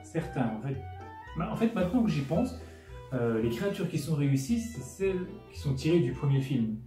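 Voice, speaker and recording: A man's voice: a little high, very animated, moderate pace, dark tone. A man narrating a scripted comedic film recap as host, sarcastic and full of casual asides, with music underneath. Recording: roomy echo, music underneath.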